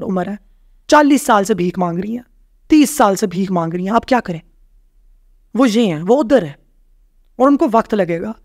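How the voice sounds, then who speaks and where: A woman's voice: medium pitch, no room sound. A woman talks as a podcast guest in a mid-range voice. She argues with force, stacks rhetorical questions and repeats her key phrases for weight. The sound is dry and close, with no room around it. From Pakistan. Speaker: podcast guest, rights activist. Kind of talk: conversational interview.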